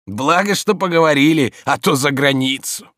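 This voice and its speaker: A man's voice: on the high side, normal speed, fairly bright tone, no room sound, pitched above the performer's own voice, natural voice. A man reading an audiobook, voicing a stubborn, sly old male servant who grumbles with dry irony. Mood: grumbling. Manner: grumbling, ironic.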